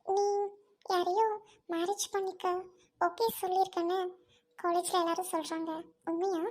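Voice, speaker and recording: A woman voicing a soft-spoken young woman who asks hesitant questions, in a radio drama. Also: very high voice, little pitch movement, normal speed. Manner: quiet, hesitant.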